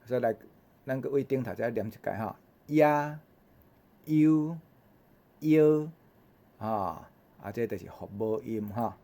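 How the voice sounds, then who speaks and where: A man with a Taiwanese accent teaching vowel sounds in a recorded lesson, repeating each sound in slow drills with frequent "ha" fillers. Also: lowish voice, vocal fry, warm tone. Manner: habitual "ha" fillers between drills. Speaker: language teacher.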